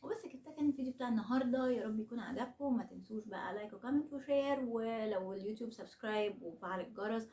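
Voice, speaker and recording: A woman's voice: on the high side, rapid-fire, hardly any pauses, warm tone, echoey room. A woman speaking with an Egyptian Arabic accent, giving a casual online English lesson in a chatty way, asking rhetorical questions and checking in with frequent okays. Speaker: English teacher.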